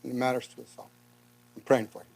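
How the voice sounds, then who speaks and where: A man's voice: mid-range voice, steady tone, quick pace, creaky, darkish tone, husky, poor audio. A man giving impassioned public comment to a city council, speaking with an earnest, preacher-like cadence. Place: council chamber.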